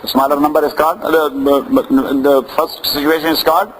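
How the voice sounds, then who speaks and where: A man with a Pakistani accent teaches a classroom lecture on inheritance law in English, which is not his first language; his native tongue is neither Arabic nor English. His voice sits on the high side with little pitch movement, brisk and fairly bright, and he repeats phrases and checks that students follow. The recording is rough, with a little hiss or hum.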